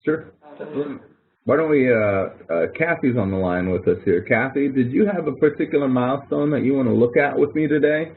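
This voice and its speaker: Over a thin, tinny webinar audio link, a male instructor explains things to students in a hesitant, rambling manner, repeating words as he goes. He speaks fairly quickly in a mid-range voice, with slight background noise present.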